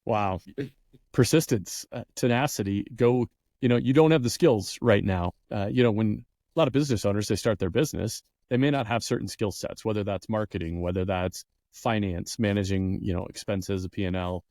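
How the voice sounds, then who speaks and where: A man's voice: fairly low pitch, moderate pace, darkish tone, no echo, studio quality. A man hosting a business interview podcast, adding encouraging, reflective comments between questions. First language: English. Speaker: podcast host. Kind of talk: interview conversation.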